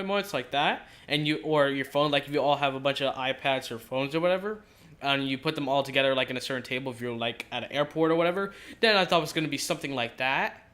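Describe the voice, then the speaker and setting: A man's voice: on the high side, pushed and bright. A man giving casual, rambling game commentary, hesitant and self-correcting, his speech slightly off from stitches in his mouth after dental surgery.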